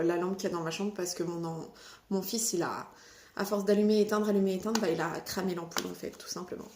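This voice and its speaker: A woman's voice: medium pitch, roomy sound, a little hiss or hum. A woman in her thirties chatting through a casual shopping haul video, showing items one by one. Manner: chatty, lively, shows products one by one. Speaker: vlogger. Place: home.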